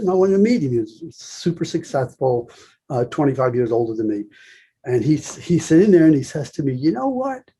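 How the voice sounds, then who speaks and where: A middle-aged man speaks as a podcast guest, his voice dark and mellow with a husky edge. He tells stories in a lively way and jumps into the voices of the people he quotes. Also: medium pitch. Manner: lively anecdotal storytelling, acts out quoted voices. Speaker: podcast guest, salon owner. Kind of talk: storytelling interview.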